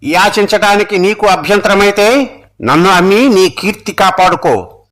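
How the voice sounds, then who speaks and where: A man's voice: sits high, expressive, moderate pace, fairly bright tone. A man voicing a devoted young queen in a storybook reading, speaking in an earnest, pleading way.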